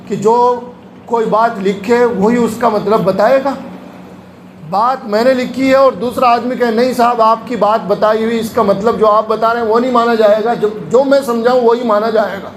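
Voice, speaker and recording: A man's voice: extremely high pitch, fairly even intonation. A male Islamic preacher giving a storytelling lecture, acting out the voices of the people in his anecdotes. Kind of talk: sermon-style storytelling lecture. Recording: echoey room with faint ambient noise.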